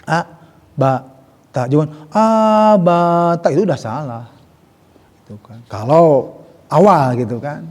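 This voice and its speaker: A man teaching Quran recitation. He explains in slow, drawn-out speech, says "gitu kan" often, and sounds out verses syllable by syllable. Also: a little high, expressive, darkish tone. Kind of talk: tajwid lesson with recited examples. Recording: reverberant hall.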